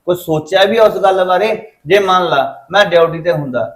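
An actor playing a quick-tempered soldier son, scolding his family, with a Punjabi accent. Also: high-pitched, echoey room, lightly acted. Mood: angry. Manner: scolding, lecturing. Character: stern soldier son, young adult man, quick-tempered. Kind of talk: Punjabi short film acting.

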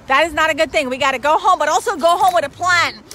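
Excited high bright-voiced woman vlogging outdoors. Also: quick pace. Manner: excited, chatty, lively. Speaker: financial advisor. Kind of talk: live-stream vlog. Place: city street outdoors. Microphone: phone at arm's length. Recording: faint traffic noise outdoors. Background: street traffic.

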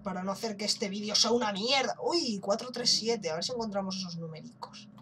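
A young gaming YouTuber with a Spain Spanish accent does let's play commentary over game music, chatting and joking casually with the odd swear. His high voice is a little fast, pushed and bright, with a little hiss or hum.

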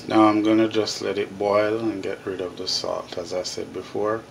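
A Jamaican man hosting a casual home cooking vlog, talking viewers through each step in his kitchen with a relaxed manner. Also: fairly low pitch, moderate pace, gravelly, slight background noise. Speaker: home cooking show host. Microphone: phone camera held over the stove. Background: pots boiling and sizzling.

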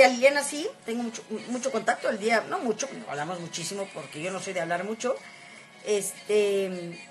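A woman's voice: on the high side, a bit bright. A woman chatting casually on a phone live-stream, reading viewer comments aloud and greeting viewers by name. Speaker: Instagram live host.

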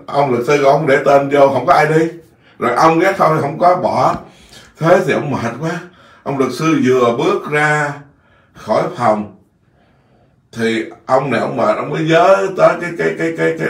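A man with a Southern Vietnamese accent, a Buddhist monk telling a rambling story in an informal dharma talk, often repeating words. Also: on the high side. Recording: echoey room, distant mic.

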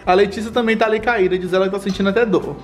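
A man's voice: high-pitched, fairly even intonation, quick pace, faint music behind. A man in his thirties, a cooking vlogger chatting casually to viewers in his home kitchen and checking in with "right?" as he goes. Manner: chatty, talks to viewers with tag questions. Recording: echoey kitchen.

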